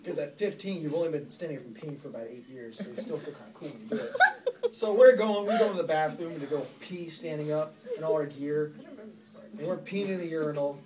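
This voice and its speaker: A man's voice: a little high, fast. A young man telling a rambling, funny story to friends, laughing through his words and putting on other people's voices. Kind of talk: casual story told to friends. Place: room with a group of friends. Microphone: phone recording from across the room. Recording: roomy, distant phone recording with loud crowd. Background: friends laughing and talking.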